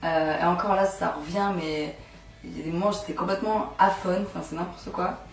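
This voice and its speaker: A young woman in her twenties with a hoarse voice from laryngitis, chatting casually on her vlog and rambling with lots of fillers. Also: lowish voice, steady tone, a little fast, far from the mic. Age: 20s. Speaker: beauty and lifestyle vlogger. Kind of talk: casual chat. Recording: echoey room, mic set back.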